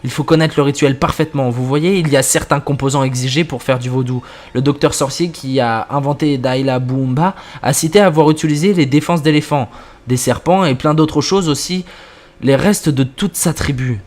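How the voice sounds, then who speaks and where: A man reading the lines of an elderly woman who explains old curses in a calm, measured way, in a scripted horror story. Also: medium pitch, close to an everyday voice. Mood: grave.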